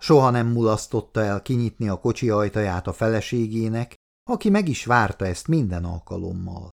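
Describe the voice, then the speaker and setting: A man reading a novel aloud as audiobook narrator, in calm, even storytelling. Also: on the low side, vocal fry. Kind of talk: scripted narration.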